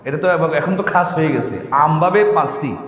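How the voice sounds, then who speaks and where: A man's voice: on the high side, fairly quick, heavy background noise. A man teaching Quran pronunciation to a class, asking his students questions and modelling corrections. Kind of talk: classroom lecture on tajweed. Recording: echoey hall with long reverb.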